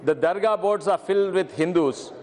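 Speaking at normal speed in a slightly high, a little mellow voice, this middle-aged Telugu-speaking MP from Telangana, India addresses parliament through a desk microphone. The big hall gives the recording a strong echo. His manner is earnest, with frequent uses of "madam" and brief stammers.

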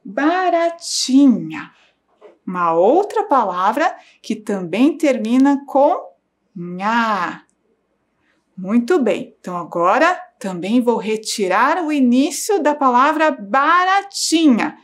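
Slow sing-song woman teacher. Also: a little high, big pitch swings. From Brazil. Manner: patient, sing-song, drawn-out syllables. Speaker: primary school teacher. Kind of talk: slow, clear classroom lesson for young children. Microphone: broadcast studio mic.

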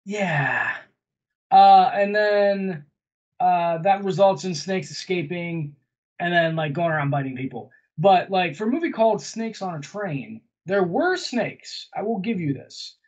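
A man with a fairly high voice talks slowly and wanders through plot recaps, full of "um" and "like". The audio comes over a video call and sounds slightly muffled. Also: lively intonation, slightly rough. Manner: meandering plot recaps with many fillers. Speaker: podcast co-host reviewing films. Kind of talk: casual chat.

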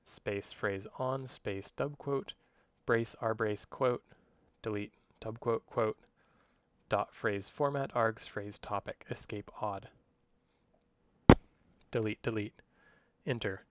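Male demonstrator, lowish voice, dictating clipped code commands word by word, dry sound. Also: takes it slowly, pauses often, dry recording. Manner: dictating, clipped strings of isolated command words. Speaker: demonstrator of voice coding software.

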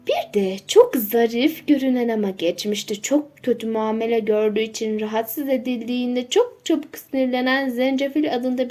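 A woman narrating a children's storybook aloud in a measured, expressive reading. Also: high voice.

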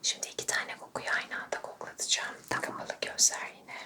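A woman speaks entirely in a soft, breathy whisper as she plays a doctor in an ASMR exam roleplay. She gives slow, gentle instructions one step at a time. Her voice sits a little back from the microphone. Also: recorded from a distance.

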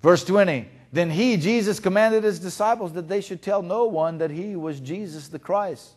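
A male pastor preaching a sermon, swinging between hushed, intimate lines and loud, emphatic ones. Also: sits high, normal speed, husky. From Louisiana.

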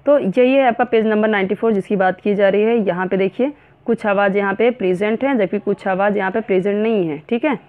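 A woman teaches a school science lesson at a middle pitch. She reads English lines slowly, then breaks them down in Hindi with many pauses and fillers. The recording is narrow and tinny, like a phone line. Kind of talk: classroom lesson explaining a textbook.

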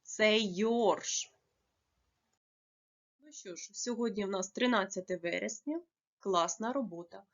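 Woman teaching a slow careful lesson. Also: mid-range voice, dull audio. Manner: slow, careful dictation with drawn-out words. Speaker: primary school teacher. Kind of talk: classroom lesson for young children.

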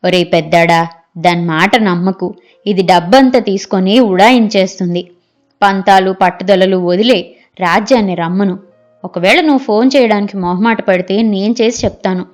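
A woman's voice: medium pitch, normal speed, natural voice. A woman voicing an older mother who earnestly pleads with her son in a storybook reading. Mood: pleading.

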